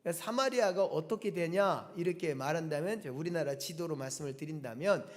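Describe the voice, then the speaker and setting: A man's voice: fairly high pitch, a little fast. A male pastor preaching a Sunday sermon, talking directly to the congregation with rhetorical questions and emphatic repetition. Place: church sanctuary. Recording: long church reverb.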